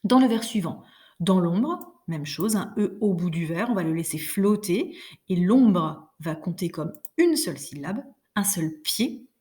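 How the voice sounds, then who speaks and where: Teacher, woman, patient explainer with fillers, low mellow voice, online lesson. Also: expressive. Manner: explains patiently, many fillers, reads verse slowly and rhythmically. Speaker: French teacher.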